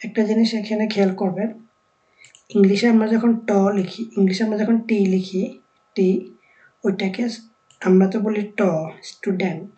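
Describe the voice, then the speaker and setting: Woman from Bangladesh, language teacher, mellow tone, patient, repeats each word slowly. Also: medium pitch, steady tone, highs cut off. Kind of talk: vocabulary lesson.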